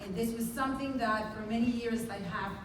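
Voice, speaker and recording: Speaking fairly quickly with a fairly high pitch and fairly even intonation, this woman from the Dominican Republic is a medical center CEO on a conference panel, sincere and proud. A little hiss or hum accompanies the distant, very echoey large-hall recording.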